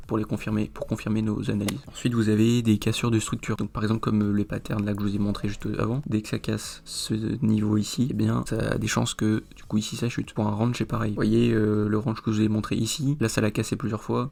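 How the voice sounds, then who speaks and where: A man explaining a trading chart in a screen-recorded tutorial, rambling with many fillers, his voice a little hoarse. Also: lowish voice, a little mellow. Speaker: trading video host.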